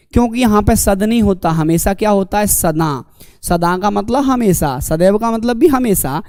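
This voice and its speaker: A man's voice: high voice, a little mellow, no room sound. Guy teaching an online exam prep class, keeps asking questions then answering them himself, dry close sound. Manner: calls students "my dear companions", asks and answers own questions.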